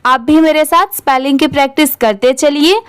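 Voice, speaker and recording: A woman's voice: high-pitched, normal speed, dry recording, clean studio sound. A woman teaching English reading, spelling words out letter by letter and then asking how each one is read. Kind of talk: slow spelling-out lesson.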